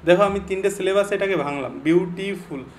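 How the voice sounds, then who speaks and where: A young male English grammar teacher with a Bengali accent, explaining an online exam-prep lesson and reading English example sentences slowly and deliberately. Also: on the high side, steady tone, a little hiss or hum.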